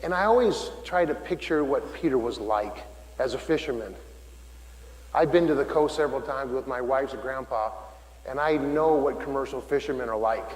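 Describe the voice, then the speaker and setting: A middle-aged man gives a homily in a relaxed, storytelling way, often stopping to restart a phrase. His voice sits at an ordinary pitch for a man. The church around him is roomy, with a long reverb trailing each sentence. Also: moderate pace. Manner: folksy storytelling with frequent restarts. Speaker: deacon.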